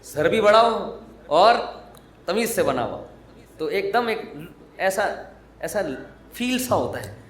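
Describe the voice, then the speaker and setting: High-voiced preacher man, joking sermon. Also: sing-song, long pauses. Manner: jokey, teasing, conversational preaching. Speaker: Islamic preacher. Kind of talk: humorous sermon. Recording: roomy echo.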